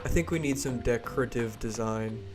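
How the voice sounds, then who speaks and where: A man's voice: mid-range voice, normal speed. A young man chatting and joking with friends while playing an online game together. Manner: joking, excitable, yelps when startled. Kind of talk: casual gaming chat. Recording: background game music.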